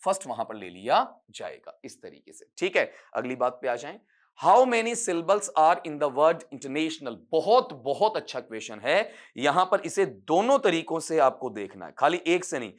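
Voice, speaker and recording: A man teaching English phonetics for an exam. He explains step by step, addresses students fondly, and stretches words out slowly to show their sounds. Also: a little high, very animated. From India. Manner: patient, explains step by step, calls students "beta". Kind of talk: exam-prep lecture.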